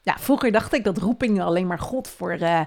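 Woman doing a devotional podcast, earnest and encouraging, goes soft and hushed a lot. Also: on the low side, brisk, gravelly. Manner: earnest and encouraging, often dropping to a soft hush.

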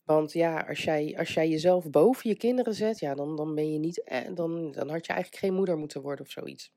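Mellow congested woman podcaster with a cold. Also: sits low, brisk, no room sound, clean studio sound. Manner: chatty, hesitant, breaks into small laughs. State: getting over illness, stuffed up with a cold. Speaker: podcast host. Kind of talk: casual solo motivational podcast talk.

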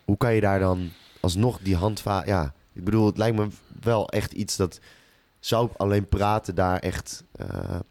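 A man's voice: lowish voice, fairly even intonation, measured pace, few pauses, darkish tone, dry recording. A male podcast host who asks hesitant, stumbling questions full of fillers. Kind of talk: interview questions.

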